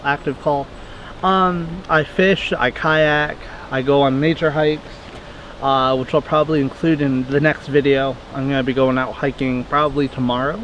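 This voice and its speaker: Outdoors in a wooded yard, a man in his twenties answers viewer questions for a casual Q&A vlog, rambling and correcting himself along the way. His voice runs on the high side with a fairly bright tone, and there's a little hiss or hum.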